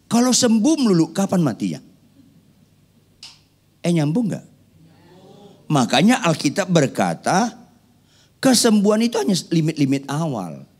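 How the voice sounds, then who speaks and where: Male pastor from Indonesia, animated sermon delivery, prods the congregation to answer. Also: a little high, measured pace, long pauses, slightly rough. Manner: preaching with questions to the congregation. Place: church.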